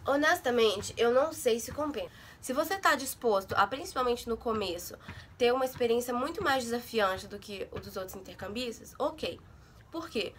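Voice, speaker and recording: This young Brazilian vlogger has a little hiss or hum in her recording and speaks a little high at a moderate pace, her intonation lively. Chatting casually to camera, she fills her talk with "sabe?" and "gente" as little check-ins.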